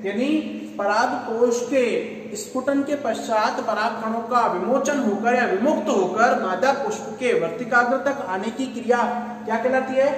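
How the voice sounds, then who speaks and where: High-pitched guy teaching biology, asks questions and answers them himself, sounds far off in a roomy hall. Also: unhurried, slight background noise. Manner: asks and answers his own questions, repeats key terms; addresses students as "beta". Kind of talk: classroom lecture. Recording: echoey room, voice from far off.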